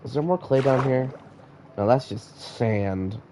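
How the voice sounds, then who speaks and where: Playing a block-building game on stream while unwell, this man talks casually to his chat in a warm, mid-range voice, a bit slowly. He frequently stumbles over and repeats words, with slight noise in the background.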